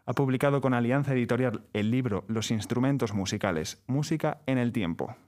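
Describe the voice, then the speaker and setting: A man with a medium-pitched voice co-hosts an interview. He reads the guest's background slowly and carefully, then asks him questions. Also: darkish tone. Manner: reads carefully, stumbles on names. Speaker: co-host. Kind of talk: reading a guest introduction and asking questions.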